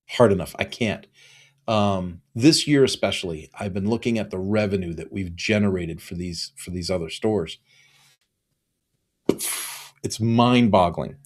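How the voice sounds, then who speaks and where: A man's voice: fairly low pitch, darkish tone. A man in his fifties, a business consultant talking alone to camera, earnest and repeating phrases for emphasis. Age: 50s. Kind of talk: solo promotional talk to camera.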